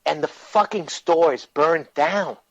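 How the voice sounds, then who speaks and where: A man's voice: fairly high pitch, measured pace, dry recording. A man co-hosting a casual podcast discussion, speaking with heated emotion and frequent swearing. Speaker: podcast co-host. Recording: dull dry lo-fi audio.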